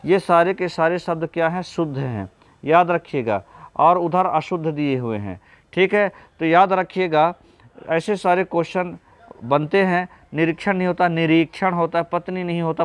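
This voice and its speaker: A man's voice: on the high side, dry recording. A man teaching an exam-prep spelling lesson, patiently going through correct and incorrect word forms and addressing viewers as friends.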